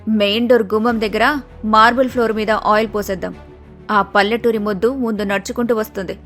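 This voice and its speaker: A woman voicing a scheming, cruel older mother-in-law in an animated story, plotting in a spiteful tone. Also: mid-range voice, brisk, faint music behind, natural voice.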